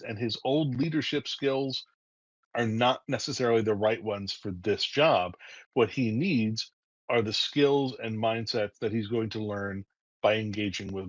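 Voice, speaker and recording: A male writer guests on a podcast interview, speaking articulately and methodically in a fairly low voice and posing rhetorical questions to himself. The call audio is dry with no room sound and slightly muffled.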